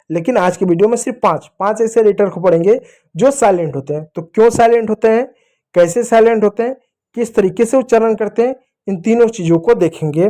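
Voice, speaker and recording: A male teacher giving an English lesson to children, slowly spelling out words letter by letter and repeating them. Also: high-pitched, dark tone. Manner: slow, repetitive spelling-out of words.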